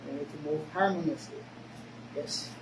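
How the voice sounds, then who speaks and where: Her voice is deep and her pace normal as she leads a karate class in clipped, broken phrases, regularly adding "okay?" to check in. She's a native Spanish speaker with a Spanish accent, heard on a noisy recording from a distant mic in an echoey room.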